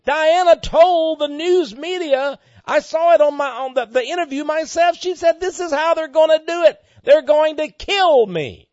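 A man's voice: high voice, darkish tone, dry recording. A man hosting a ministry program, reading listener letters aloud and answering them in an emphatic preaching way, his voice climbing sharply when he gets worked up. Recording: dull lo-fi dry recording.

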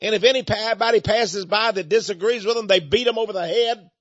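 High-voiced man ranting indignantly. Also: brisk, fairly bright tone, no echo. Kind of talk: political commentary monologue. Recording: dull, dry lo-fi recording.

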